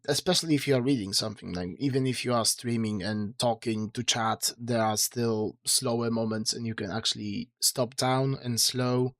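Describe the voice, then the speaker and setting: A man's voice: lowish voice, a bit bright, no echo. A man streaming to his chat, sounding tired and strained in the throat, rambling and self-deprecating with lots of fillers and restarts. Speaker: streamer reading his own book. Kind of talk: casual livestream chat.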